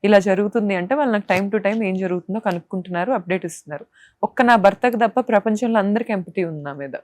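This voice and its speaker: A young woman interviewee from Andhra Pradesh, India, speaks quickly in a mid-range, slightly mellow voice. Her testimony is emotional and impassioned, driven by indignation and pointed rhetorical questions.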